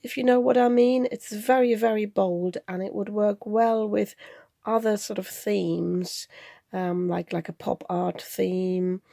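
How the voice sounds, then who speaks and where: Woman, croaky from a cold, very gravelly, dark mellow tone, chatty crafting tutorial, thinks aloud. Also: mid-range voice, fairly even intonation, a little slow, no room sound, studio quality. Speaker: card-making channel host. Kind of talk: crafting tutorial, talking through the steps.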